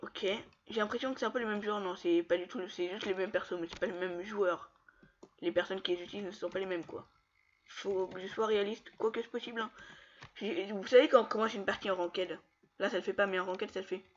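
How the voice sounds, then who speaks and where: A man commenting casually on his own online matches, taunting opponents and breaking into excited yells. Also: high-pitched, a little fast, highs cut off, slight background noise. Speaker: gamer streaming gameplay.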